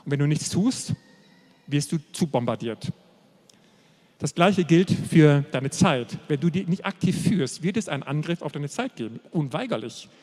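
A man preaches a sermon with a somewhat high voice, pressing his points and slowing down on the key words. His voice rings out with a long reverb, as in a large church hall. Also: expressive, darkish tone. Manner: emphatic, repetitive, slows down to stress key phrases.

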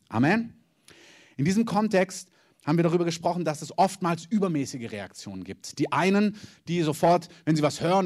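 A man's voice: fairly high pitch, darkish tone. A man preaching a sermon, telling a story with emphatic repetition and often closing his points with "Amen".

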